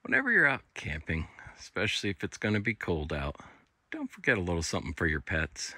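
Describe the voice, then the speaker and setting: A man's voice: deep voice, wildly swooping pitch, brisk, sharp tone, slightly rough, dry recording, clean studio sound. A man in his thirties giving casual, laid-back camping tips outdoors at a wooded campsite. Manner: laid-back, chatty, talks to his dog. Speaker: overlanding vlogger. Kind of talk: casual how-to vlog.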